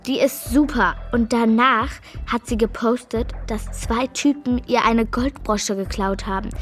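An excitable, know-it-all young girl played by a woman in a children's radio play. Her earnest voice is fairly high and takes its time, with faint music behind. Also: a little slow, close to an everyday voice. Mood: excited, insistent.

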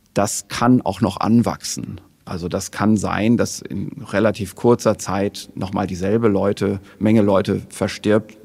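A man as an expert guest in a podcast interview, explaining data in a measured, careful way. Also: fairly low pitch, creaky, warm tone, slightly rough.

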